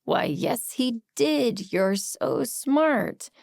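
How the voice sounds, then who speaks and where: A woman's voice: medium pitch, normal speed, vocal fry, no room sound, clean studio sound. A woman reading a wry male private eye friend. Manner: sarcastic, teasing, then gentle. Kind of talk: audiobook character voice.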